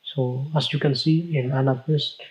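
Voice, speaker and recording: A man's voice: medium pitch, steady tone, normal speed, darkish tone, dull audio. A man teaching a recorded lesson, explaining step by step and sometimes stopping to correct himself. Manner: explanatory, with self-corrections and restarts. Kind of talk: recorded lecture.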